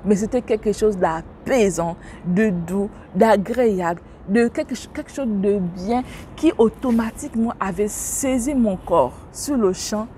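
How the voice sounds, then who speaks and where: A woman recounting her faith testimony in a storytelling voice of middling pitch, speaking straight to her listeners. She acts out each exchange with rising and falling tones, and a faint hum of noise sits under her voice. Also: a little slow. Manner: animated, acts out dialogue with shifting pitch; religious exclamations, addresses listeners directly. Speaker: believer sharing a testimony.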